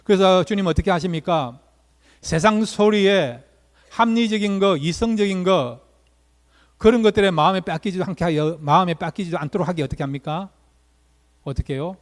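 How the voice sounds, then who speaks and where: A male pastor delivers a Sunday sermon in a fairly high voice, putting one rhetorical question after another to his congregation. His words ring out with a long reverb through the church hall. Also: brisk. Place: church sanctuary.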